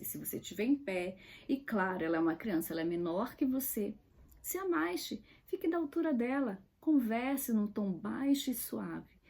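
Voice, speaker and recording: A woman's voice: on the high side, dark tone, breathy edge. A woman giving an earnest teaching talk, stressing key words and dropping to a whisper now and then. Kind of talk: direct-to-camera teaching talk.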